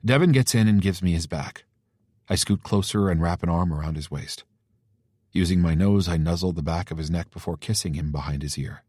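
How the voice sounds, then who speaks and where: A man narrating a romance novel in first person, with a low, intimate reading manner. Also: brisk, a little mellow, husky, no echo, studio quality. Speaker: audiobook narrator.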